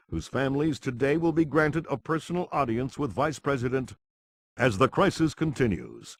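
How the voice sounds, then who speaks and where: For a game, a male actor plays a grave television news anchor, reading scripted bulletins in a formal, measured manner. His voice is mid-range, and there's a little hiss or hum.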